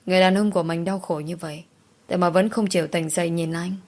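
Mournful woman audiobook narrator, lowish voice. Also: fairly even intonation, fast, darkish tone. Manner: emotional, mournful storytelling. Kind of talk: first-person audiobook narration.

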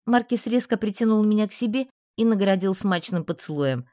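A woman narrating a first-person novel in an even, measured reading. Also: medium pitch, no room sound, studio quality. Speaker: audiobook narrator.

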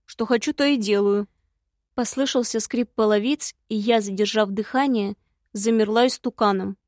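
A woman narrating a first-person fantasy audiobook in a wry, lively storytelling manner. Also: mid-range voice, normal speed, dry recording, clean studio sound.

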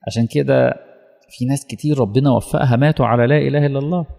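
A man's voice: mid-range voice, fairly even intonation, racing, creaky, warm tone. A man with an Egyptian Arabic accent delivering an emotional, pleading sermon as a preacher. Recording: long hall reverb.

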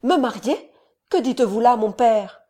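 A woman voicing a naive, earnest young nobleman who exclaims in a raised, higher voice. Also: expressive, unhurried, dark tone. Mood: shocked.

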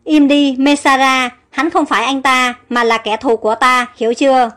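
A woman's voice: high-pitched, level tone, normal speed, fairly bright tone. A woman reading the part of a cold, vengeful young male king who speaks in short, curt commands, within a storybook audio tale.

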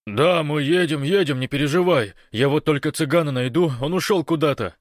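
A man voicing a big, excitable man who jabbers hurriedly over a radio, raised and loud, in a dry recording. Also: mid-range voice, slow, no room sound, pitched above the performer's own voice. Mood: flustered.

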